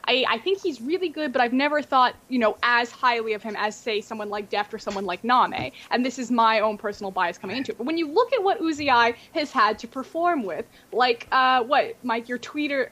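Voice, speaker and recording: A woman with a fairly high voice hosts a casual podcast panel. She talks in a chatty, conversational way, building up arguments and posing questions as she goes. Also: a little fast, few pauses, sharp tone. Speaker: podcast host.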